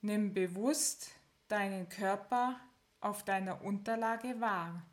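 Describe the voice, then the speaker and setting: A woman leading a guided progressive muscle relaxation, giving calm step-by-step instructions and counting down slowly with long pauses. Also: medium pitch.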